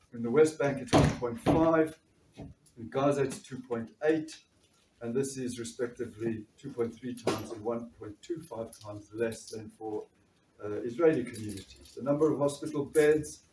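Earnest and reading figures from his notes, the doctor, a man in his sixties with a South African accent, keeps restarting during his panel talk at a meeting. His voice is mid-range with a darkish tone. He's recorded from far off by a camera in a bright meeting room, standing at the panel table, and the audio is echoey with slight background noise.

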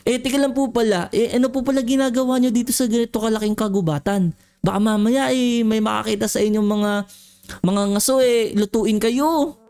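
A cute, chatty little Grimace in a Minecraft role-play, played by a gaming YouTuber. The voice is smooth and clear, bouncing between excited squeals and nervous little cries. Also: mid-range voice, brisk. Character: cute childlike Grimace, chatty and easily scared.

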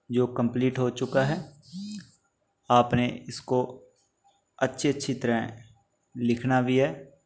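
A male school teacher giving a grammar lesson, dictating each definition slowly and repeating it word by word for copying, with a light Haryanvi-tinged Hindi accent. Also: medium pitch, darkish tone.

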